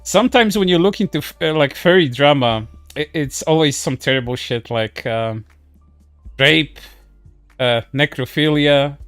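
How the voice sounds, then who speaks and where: A man's voice: on the high side, a little slow, fairly bright tone, clear, resonant tone, no room sound, faint music behind. Blunt man on a livestream headset mic. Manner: blunt, crude, scornful. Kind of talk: casual livestream chat.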